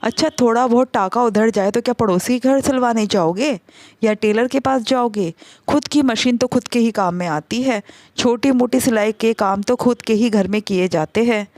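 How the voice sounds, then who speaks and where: A grasping middle-aged mother-in-law in a storybook tale scolds and complains in a fairly high voice, voiced by a woman. The sound is dry and close, with no room around it. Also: normal speed, darkish tone, no room sound, natural voice. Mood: complaining. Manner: scolding, self-pitying complaints.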